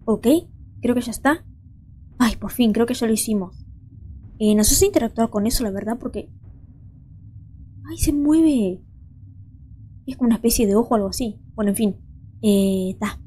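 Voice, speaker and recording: A woman's voice: on the high side, a little fast, warm tone, husky. A young woman, hosting a let's play and chatting to viewers as she thinks aloud. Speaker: gaming channel host.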